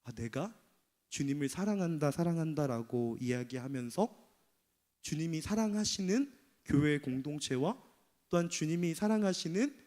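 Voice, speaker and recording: A man's voice: fairly high pitch, lively intonation, moderate pace, mellow. A man preaching a sermon as pastor, speaking earnestly and confessionally. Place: church sanctuary. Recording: long church hall reverb.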